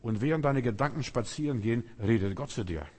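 A man with a husky, somewhat breathy voice delivers a sermon, building his points in short repeated phrases aimed straight at the listener. His voice rings out with a long reverb, as in a large hall. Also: mid-range voice, lively intonation, fast talker, a little mellow. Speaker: preacher.

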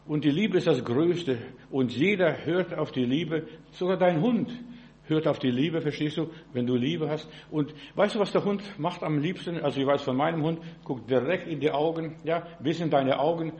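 A man giving a sermon in a folksy, halting way, often asking "verstehst du" and restarting words. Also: fairly high pitch, a little mellow, highs cut off. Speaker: preacher.

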